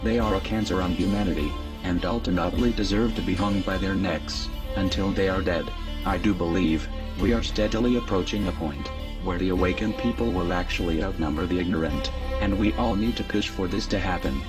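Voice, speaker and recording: A man speaks in a disguised voice that has been pitched down very low, reading a scripted message. His delivery is stern, declamatory and measured. He sounds distant from the mic, under loud music. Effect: disguised, pitched-down deep voice.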